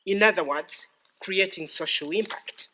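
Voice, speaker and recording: A middle-aged man with a Ugandan accent giving a formal, ceremonial podium speech with deliberate phrasing. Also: high voice, sharp tone. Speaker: graduating PhD student giving vote of thanks.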